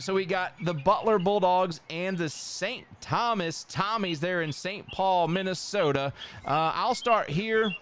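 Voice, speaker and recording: An upbeat man hosts a casual sports talk show, running through stats with quick remarks of his own. His voice sits a little high for a man, with a faint hiss of noise under it. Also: fairly bright tone. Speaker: show host.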